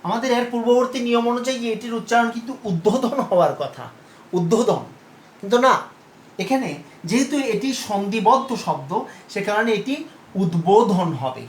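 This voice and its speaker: A male teacher giving a pronunciation lesson, speaking slowly and repeating each word while he asks his students questions. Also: very high voice, expressive. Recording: echoey room with faint background noise.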